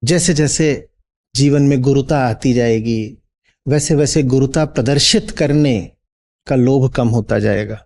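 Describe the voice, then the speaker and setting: A man's voice: mid-range voice, a little slow, darkish tone. A man teaching as a spiritual teacher in a discourse, posing rhetorical questions and checking in with his listeners.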